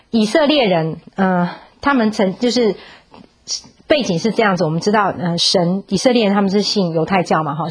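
A woman giving a parenting talk, telling a Bible story and coaxing the audience with questions, slipping in English words. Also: breathy edge. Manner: acts out quoted voices with rising pitch. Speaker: parenting speaker.

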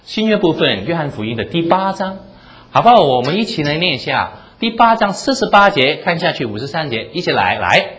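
Animated man preaching a sermon. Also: fairly quick, a little hiss or hum. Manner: animated preaching, rhetorical questions, dramatic swings in pitch. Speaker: pastor.

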